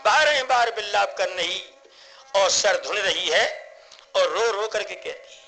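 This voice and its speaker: A man's voice: high voice, takes it slowly, music in the background, low-quality recording. A middle-aged man tells a devotional katha in a declamatory way, repeating phrases for emphasis. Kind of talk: devotional katha narration with sung laments.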